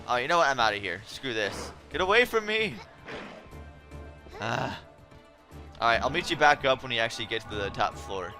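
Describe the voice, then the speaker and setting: A man's voice: medium pitch, animated, moderate pace, pauses often, pushed and bright, faint music behind. A man giving casual, chatty game commentary as a let's play host, wry and easily annoyed.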